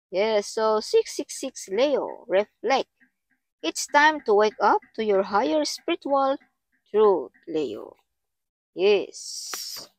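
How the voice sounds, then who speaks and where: A woman's voice: medium pitch, dry recording. A woman with a Filipino accent giving a tarot reading to viewers, switching between Filipino and English and addressing listeners by their star sign. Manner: mixes English into Filipino speech, repeats the sign name. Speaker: tarot reader.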